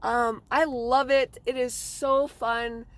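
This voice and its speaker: A woman vlogger, hoarse and raspy from seasonal laryngitis, chatting casually outdoors beside her car with a self-joking manner and many fillers. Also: fairly high pitch, fairly even intonation, takes it slowly. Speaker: real estate vlogger. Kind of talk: casual vlog talk.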